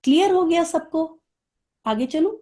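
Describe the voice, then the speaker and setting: Mellow-voiced woman teaching a class. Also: extremely high pitch, lively intonation. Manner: patient explaining, checks understanding with the class. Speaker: Arabic teacher. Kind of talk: online class lesson.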